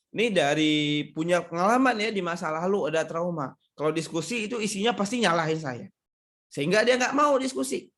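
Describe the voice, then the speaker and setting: A man from Sumatra answers audience questions in a relaxed online talk on marriage, his voice sitting a little high for a man. He speaks conversationally, often closing his points with tag questions. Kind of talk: live online seminar with Q&A.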